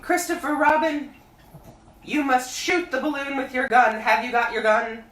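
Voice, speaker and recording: A woman voicing a gentle, simple-minded male teddy bear in a storybook reading, speaking in a slow, earnest loud whisper. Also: sits high, fairly even intonation, voice pushed up. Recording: roomy, distant mic.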